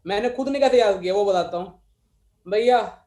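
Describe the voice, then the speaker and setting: Indian male maths tutor, bright higher voice, addresses students as beta, dictates slowly. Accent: Indian English mixed with Hindi. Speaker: maths teacher. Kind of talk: live online class lecture.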